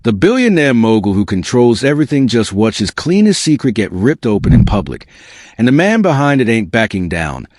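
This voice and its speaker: A man's voice: mid-range voice, very animated, brisk, a little mellow, dry recording, studio quality. A man delivering scripted celebrity exposé commentary as host, in a punchy, slangy, dramatic way with a smug, sarcastic edge.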